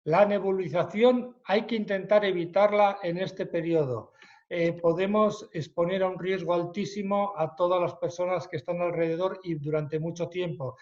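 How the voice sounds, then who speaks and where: A man's voice: high voice, fairly even intonation, darkish tone, muffled recording. A man with a Spanish accent answering questions as a medical expert in a webinar, with many hesitations. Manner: hesitant, many fillers, then quick explanations.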